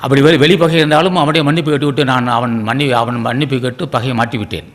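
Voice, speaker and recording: Middle-aged man from tamil nadu, devotional sermon, pleading and repeating lines like a prayer, keeps clearing his throat. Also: mid-range voice, fairly even intonation, quick pace. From Tamil Nadu, India. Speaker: spiritual teacher.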